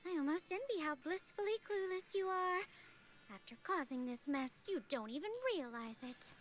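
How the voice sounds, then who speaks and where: A woman's voice: high voice, normal speed, close to an everyday voice. A woman voicing a sly young female call center operator in a game, with a pointed, condescending, sarcastic customer service voice. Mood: condescending, falsely polite. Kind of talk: video game voice acting.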